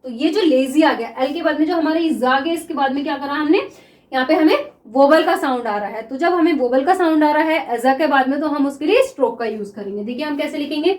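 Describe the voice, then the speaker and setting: High-voiced woman teaching in an echoey room. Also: a little mellow. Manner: repeats words slowly while writing, asks 'clear?' often. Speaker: shorthand teacher. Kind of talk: classroom lesson explaining examples.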